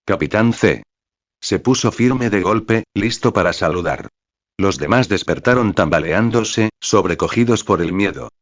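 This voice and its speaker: A man's voice, synthetic-sounding, reads a fan fiction audiobook in an even, flat way. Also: sits low, normal speed, dry recording. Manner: even, flat reading that spells out web addresses. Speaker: narrator. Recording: dry, slightly dull lo-fi sound.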